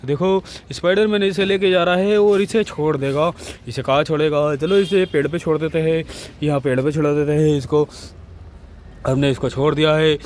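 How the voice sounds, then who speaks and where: A high-voiced man narrates a toy adventure for young children. He talks eagerly and repeats words over and over, calling out to the kids again and again, with a faint room ambience behind him. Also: fairly even intonation, moderate pace, darkish tone, slight background noise. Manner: eager, repetitive, addresses children constantly.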